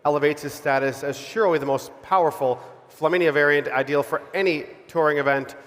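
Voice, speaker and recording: A man announcing auction lots, reading scripted descriptions in a formal, measured manner. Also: fairly high pitch, a bit bright. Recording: echoey hall with long reverb.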